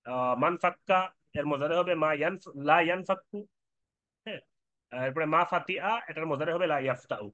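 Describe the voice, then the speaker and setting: Fast-talking man teaching Arabic grammar. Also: on the high side, a bit bright, no echo, highs cut off. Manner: fast, repeats terms and lists word forms aloud. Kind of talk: explaining a lesson from a sheet.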